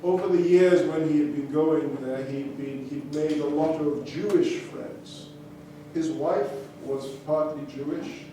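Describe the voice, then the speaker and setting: In a warm, fairly high voice and at a measured pace, a man tells his life story to a concert audience between songs, speaking conversationally with fillers and restarts. Recorded from a distance in an echoey hall, there's slight background noise and audience ambience.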